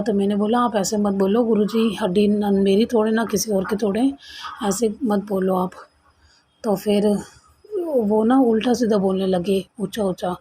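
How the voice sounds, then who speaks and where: With a mid-range, mellow voice edged with breathiness, a devotee earnestly shares a personal experience with a congregation. She tells it casually and conversationally, retelling quoted dialogue along the way.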